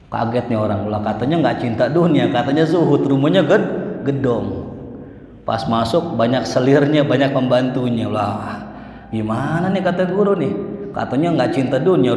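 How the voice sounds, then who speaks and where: A man preaching in casual storytelling style. He talks in a lively, colloquial way and acts out the voices of the people in his stories. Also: a little high. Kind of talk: sermon storytelling. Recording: echoey hall.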